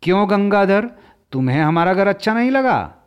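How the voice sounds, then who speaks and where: Eager little girl in a storybook, lively and high, asks and pleads a lot, as a man reads her. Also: moderate pace, smooth, muffled recording. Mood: pleading. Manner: bright, pleading questions. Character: young girl, curious, eager and tender-hearted.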